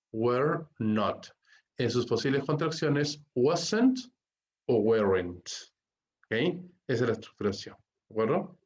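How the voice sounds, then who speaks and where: A male teacher giving a bilingual grammar lesson at an average pitch. He reads each rule in English, explains it in Spanish, and checks in with "¿ok?" again and again. The audio sounds dull and lo-fi. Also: darkish tone.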